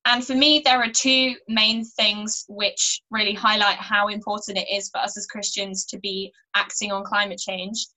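A woman's voice: medium pitch, flat delivery, normal speed, few pauses, sharp tone, poor audio. A teenage girl, an earnest youth climate activist speaking steadily and articulately to a webcam in a small room at home. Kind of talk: recorded church talk to camera.

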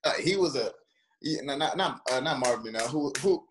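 Slightly high-voiced man from DC. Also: brisk, noisy background. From Washington, DC. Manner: animated slangy storytelling with many restarts. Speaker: guest, former football player and trainer. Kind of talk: casual podcast chat.

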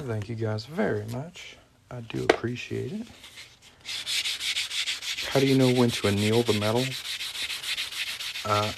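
A man's voice: fairly low pitch, vocal fry. A man chatting casually while demonstrating craft work live and answering viewer comments. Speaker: coin ring maker streaming live. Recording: noisy workshop live stream. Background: workshop tool noise, sanding and clicks.

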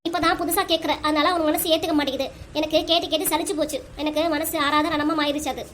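A woman's voice: sits high, fairly even intonation, fast, a bit bright, slight background noise. A woman voicing an emotional, argumentative family quarrel in a cartoon. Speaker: voice actor for all the figures. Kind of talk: cartoon voice acting.

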